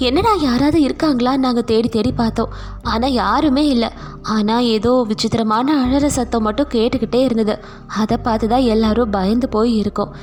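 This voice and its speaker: A woman voicing a skeptical, fearful village mother in a cartoon story, lower than her narrating voice. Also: brisk, darkish tone, soft background music, natural voice. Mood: worried, doubtful. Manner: doubtful, fearful.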